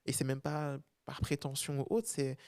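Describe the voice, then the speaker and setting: A man's voice: medium pitch, normal speed, clear, resonant tone, no echo, clean studio sound. A young man from France, a fashion content creator guest, talking casually in an interview, with lots of fillers and restarts. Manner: relaxed, many fillers and restarts.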